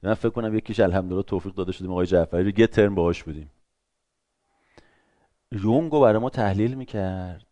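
A middle-aged man giving a lively talk to an audience, acting out short everyday dialogues in shifting voices. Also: sits low, long pauses, dry recording. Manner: acts out little dialogues in changing voices.

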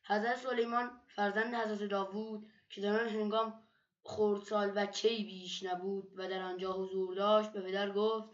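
A woman narrating religious stories from a book in a measured, steady storytelling manner. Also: mid-range voice. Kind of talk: read-aloud book narration. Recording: dull lo-fi recording.

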